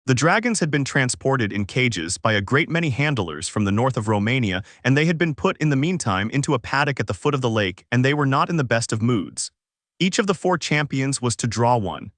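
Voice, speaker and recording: A man's voice: medium pitch, a bit bright, no room sound. Man narrating a story in a dry, close voice. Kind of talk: scripted narration.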